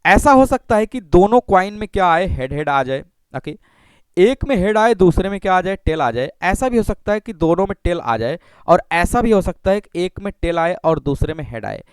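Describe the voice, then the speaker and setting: A man teaching a maths lesson. He explains slowly, repeats himself and keeps checking in with "okay" and rhetorical questions. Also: high voice, lively intonation, smooth, no room sound. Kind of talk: classroom lecture.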